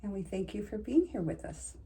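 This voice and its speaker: Very mellow, dark-voiced woman hosting. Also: mid-range voice, sing-song, fairly quick, creaky. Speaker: host of the channeling session. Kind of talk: hosting a group session, polite prompting.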